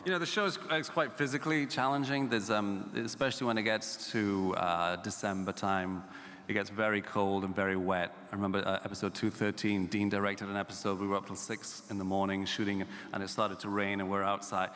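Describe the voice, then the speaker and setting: Bright-voiced man recalling a cold night shoot. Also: lowish voice, steady tone, a little fast. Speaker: actor on a convention panel. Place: large convention hall. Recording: hall reverb.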